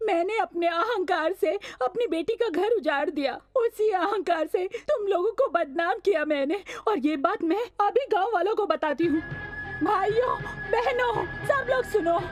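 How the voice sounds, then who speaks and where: An actress dubbing a remorseful elderly mother in a film, who pleads tearfully and shouts out her confession. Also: extremely high pitch, expressive, normal speed, hardly any pauses. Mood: confessing. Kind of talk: Hindi film dub. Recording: movie soundtrack music behind voice.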